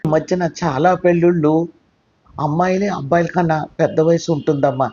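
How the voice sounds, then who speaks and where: A woman's voice: sits low, steady tone, fairly quick, dark tone, breathy edge. A man voicing an anxious, tearful middle-aged mother who pleads with worry, in a slightly muffled recording. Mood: pleading. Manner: pleading, worried.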